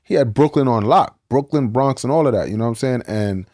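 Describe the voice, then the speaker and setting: A man in his forties, a podcast guest, telling stories in a relaxed, slangy, conversational way. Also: mid-range voice, a little fast, dry recording, studio quality. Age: 40s. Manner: laid-back, storytelling with slang. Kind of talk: casual chat.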